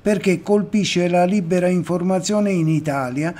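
A man reads a regional news report in a measured, formal way. His voice sits high for a man, with a soft, mellow tone. The delivery is steady and composed throughout.

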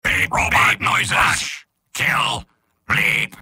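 A man's voice: fairly low pitch, very slow. A man voicing a droning robot that speaks its beeps as words and states silly threats and fears, in a comedic cartoon fan dub. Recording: loud battle noise behind the voice.

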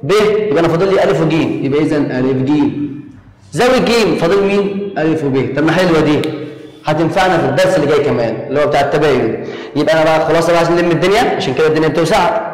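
A man with an Egyptian Arabic accent teaching a math lesson in a quick, conversational way, voicing his students' questions himself. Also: fairly high pitch. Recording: echoey room with long reverb.

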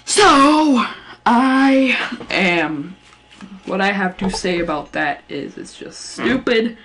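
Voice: medium pitch, expressive, takes it slowly, a bit bright, a little hiss or hum. A speaker ranting casually over game footage, rambling with lots of fillers and restarts and throwing in playful mock insults. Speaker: gaming channel host. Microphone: gaming headset mic or webcam mic.

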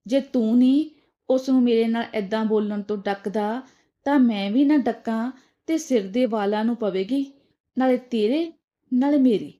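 A gentle elderly mother pleads softly and patiently with her son, as a woman reads her part. The voice sits fairly high and stays soft. The recording sounds dull and lo-fi. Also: moderate pace, natural voice. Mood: pleading. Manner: soft, placating. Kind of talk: storybook dialogue reading.

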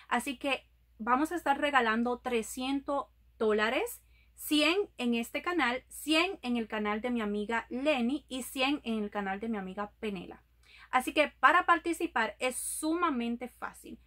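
High-voiced young woman vlogging to viewers. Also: measured pace, bright, forceful tone. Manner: affectionate, addresses viewers as "my loves". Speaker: YouTube vlogger. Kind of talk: casual vlog announcement. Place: indoors in front of a green sequin backdrop.

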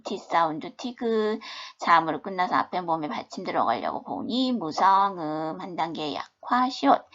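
Woman, English teacher, phonics lesson, patient, spells letters, lively pitch, muffled lo-fi sound. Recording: dull lo-fi video-class audio.

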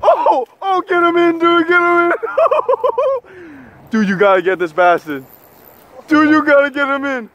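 A young man hosting a fishing vlog outdoors by a pond, chatting and laughing, yelling when fish bite. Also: extremely high pitch, animated, measured pace, muffled recording. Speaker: fishing channel host. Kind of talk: excited outdoor vlog chat.

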